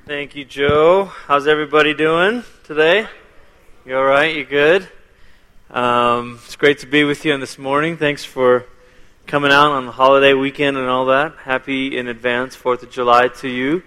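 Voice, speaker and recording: A man's voice: medium pitch, fairly even intonation, normal speed, pushed and bright, clean tone. Chatty man teaching in a reverberant hall. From Malaysia. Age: 30s. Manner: chatty, joking with the audience. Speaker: guest speaker. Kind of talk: church teaching talk.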